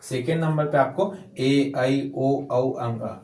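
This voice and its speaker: A man's voice: medium pitch, slow, darkish tone. Male Hindi tutor, patient and repetitive, walking students through each letter step by step, roomy echoey sound. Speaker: Hindi teacher. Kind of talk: casual handwriting lesson. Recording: echoey room.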